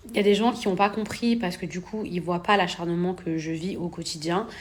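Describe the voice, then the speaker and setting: A woman's voice: on the low side, fairly even intonation, a little fast. Indignant young woman venting to her followers. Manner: indignant, emphatic, repeating words for stress; rising to heated outbursts. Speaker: influencer addressing her followers. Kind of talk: casual monologue to camera.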